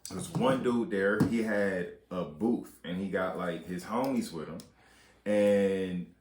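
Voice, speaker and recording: Low voice guy, chill slangy storytelling, echoey room. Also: takes it slowly, background noise. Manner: laid-back, slangy, meandering. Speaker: comedian guest. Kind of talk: casual storytelling. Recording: roomy echo.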